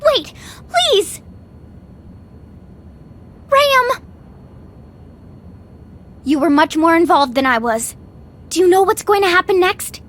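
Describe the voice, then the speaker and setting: A woman's voice: extremely high pitch, sing-song, slow, long pauses, a bit bright, full character voice. A woman voicing an earnest, anxious young girl in an overacted anime dub. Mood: pleading.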